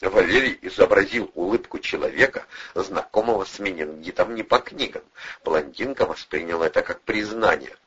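Husky man reading a crime novel. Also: low voice, normal speed, fairly bright tone, highs cut off. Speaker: audiobook narrator. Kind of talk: audiobook narration.

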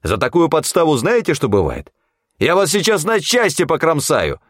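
A man voicing a tough, cynical hunter who snaps and threatens in a gruff, hard way. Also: mid-range voice, sing-song, normal speed, no room sound, clean studio sound, voice pushed up. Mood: harsh, angry.

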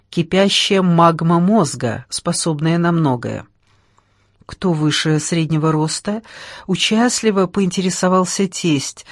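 A woman narrating a literary audiobook in a measured, even manner. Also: sits low, no echo, studio quality.

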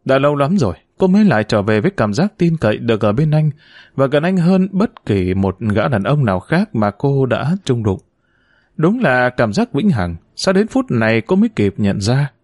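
A man narrating a novel in an expressive, steady literary reading. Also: medium pitch, moderate pace, no room sound, clean studio sound. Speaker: audiobook narrator. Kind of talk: scripted narration.

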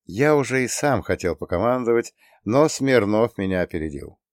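Casual reading: man narrating a first-person adventure, low voice, dry sound. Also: expressive, normal speed, no room sound. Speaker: audiobook narrator. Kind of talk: scripted narration.

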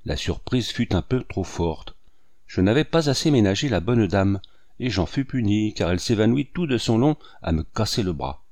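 A man narrating a classic novel as an audiobook in a measured, expressive reading. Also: lowish voice, dry recording, studio quality. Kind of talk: scripted literary narration.

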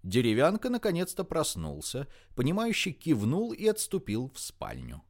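A man narrating an audiobook with expressive, lively storytelling. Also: mid-range voice, normal speed.

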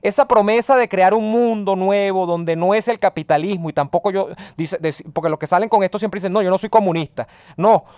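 A man's voice: high voice, fairly quick, few pauses, a little mellow, dry recording. A man co-hosting a radio talk show, reading listener messages and giving political commentary that builds in emphasis. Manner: reads listener messages, then argues at length with rising emphasis. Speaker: radio co-host.

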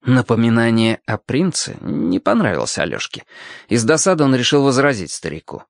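Expressive male audiobook narrator. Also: mid-range voice, no echo, clean studio sound. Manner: expressive, measured storytelling. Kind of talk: scripted narration.

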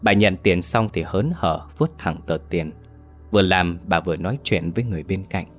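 A man narrating a scripted horror story in a steady, measured way. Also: low-pitched, soft background music.

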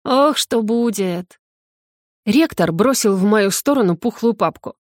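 A woman reading a first-person audiobook in an even, storytelling manner. Her pitch sits in the middle range. The recording is dry and close. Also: measured pace, dry recording. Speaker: audiobook narrator.

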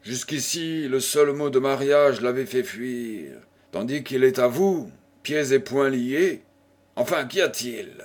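A man's voice: medium pitch, takes it slowly. A man reading a teasing old dowager. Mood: pleading. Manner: mock-scolding, playful, exclamatory. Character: elderly aristocratic dowager, teasing and fond.

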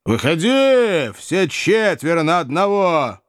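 Man doing a high, shouting cabman spoiling for a fight. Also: big pitch swings, takes it slowly, no room sound, clean studio sound. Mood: belligerent. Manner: belligerent, shouting challenges.

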